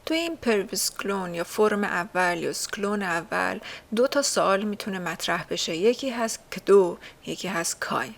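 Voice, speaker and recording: A woman's voice: mid-range voice, lively intonation, vocal fry, few pauses. A woman teaching a language in a casual spoken lesson, explaining patiently with many fillers and frequent checks on her students. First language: Persian.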